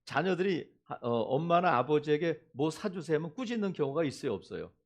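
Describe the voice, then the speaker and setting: A man's voice: fairly high pitch, sing-song, fairly quick. A male pastor preaching a sermon, asking the congregation questions and acting out quoted voices.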